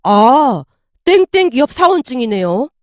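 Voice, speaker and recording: A woman reading the part of a calm restaurant owner who speaks low and steady, in a story narration. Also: a little slow, no echo, clean studio sound. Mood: composed.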